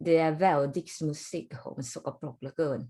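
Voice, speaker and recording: Thai-accented woman language teacher, low voice, chatty classroom explainer. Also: steady tone, fast talker, warm tone. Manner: chatty, frequent polite sentence endings. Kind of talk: explaining dialogue phrases to students.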